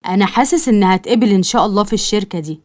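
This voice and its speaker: A woman's voice: mid-range voice, very fast, lightly acted. A woman with an Egyptian accent voicing an earnest young man who courts a girl, pleading and reassuring. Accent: Egyptian Arabic.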